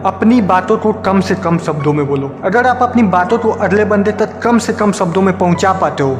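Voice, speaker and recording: A man teaching communication tips as a scripted voice-over, speaking to the viewer in a steady instructive way. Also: high-pitched. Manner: steady instructive delivery, addresses viewer directly. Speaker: communication skills tutor. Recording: echoey hall with loud music.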